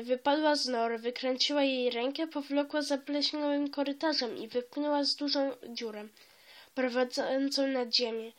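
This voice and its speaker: A woman narrating a story aloud, reading steadily with occasional stumbles and restarts. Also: sits high.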